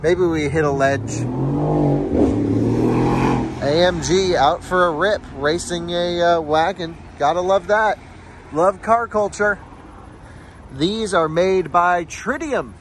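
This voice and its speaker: A man's voice: high voice, slow, pauses often, background noise. A young man hosting a car vlog, thinking aloud with enthusiasm as he films himself by phone at a charging station at night. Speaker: car channel host. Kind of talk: casual vlog commentary. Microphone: phone camera at arm's length.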